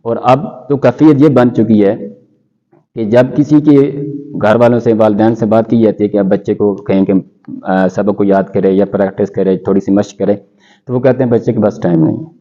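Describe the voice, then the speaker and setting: Measured man teaching Quran recitation. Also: lowish voice, fairly even intonation, dark tone, lo-fi sound. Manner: measured, citing scholars with Arabic quotations. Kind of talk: scholarly interview answers.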